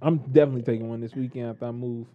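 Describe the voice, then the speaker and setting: A man's voice: medium pitch, fairly even intonation, rapid-fire. A man co-hosting a casual chat, speaking in with a laid-back, teasing manner and frequent laughter. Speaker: podcast co-host. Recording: dull lo-fi sound.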